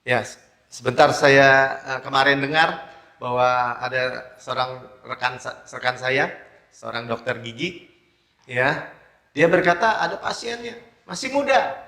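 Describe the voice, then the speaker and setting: A man preaching a sermon as pastor, emphatic and halting, punctuating his phrases with a repeated affirming filler. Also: medium pitch, vocal fry, pushed and bright. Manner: emphatic preaching with frequent hesitations. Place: church. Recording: roomy echo.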